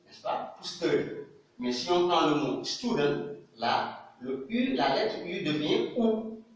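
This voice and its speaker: A man teaches English vowel sounds, saying each example word again and again and checking in with "n'est-ce pas?". His voice is fairly high and swings widely in pitch, and he speaks slowly. He is recorded from a distance in a room with a strong echo. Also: very animated, muffled recording. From Senegal. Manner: repeats example words with emphasis, asks "n'est-ce pas?". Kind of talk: pronunciation lesson. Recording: very echoey room, voice from far off.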